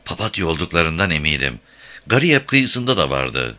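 A spirited, tender young pioneer woman speaks in a lightly raised, feminine lilt, voiced by a male narrator. She sits in a storybook read aloud, her tone bright and sharp. Her delivery swings widely in pitch. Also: sing-song, moderate pace, exaggerated voice. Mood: eager.

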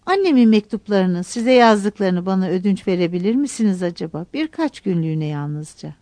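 A shy grown man talks in a hesitant, almost childlike way in an audiobook, as a woman narrator puts him on. The voice stays mellow and dry, close to the mic. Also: mid-range voice, lively intonation, moderate pace, no room sound, close to an everyday voice. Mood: pleading. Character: grown man, shy son turning boyish.

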